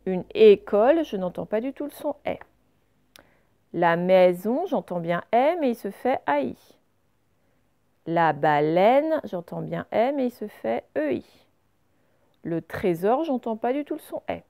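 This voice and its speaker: A woman teacher going carefully through reading exercises for young pupils, saying each word clearly before explaining it. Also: fairly high pitch, animated, a little slow, mellow. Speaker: primary school teacher.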